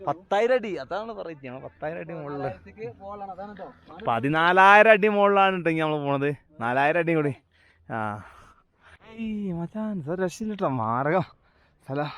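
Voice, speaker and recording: High-voiced Malayali man vlogging, mixing in English. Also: moderate pace. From Kerala, India. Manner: Malayalam mixed with English slang words; excitable, repeats phrases. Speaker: travel vlogger. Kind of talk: casual vlog chat to viewers. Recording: noisy outdoor ambience with vehicle sounds. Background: outdoor ambience, vehicle noise.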